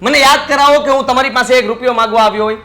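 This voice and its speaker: A man's voice: extremely high pitch, racing, sharp tone, soft background music. An actor playing a cocky, idle young married man who argues with his father in a mocking tone. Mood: defiant. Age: young adult.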